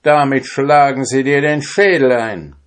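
A man's voice: mid-range voice, a little slow, voice pushed up, close to an everyday voice. A man doing a fearless, cunning young drummer.

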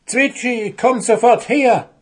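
A man voicing a fussy, grumpy male gnome in a storybook reading, loud, shrill and indignant. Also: slow, husky, full character voice.

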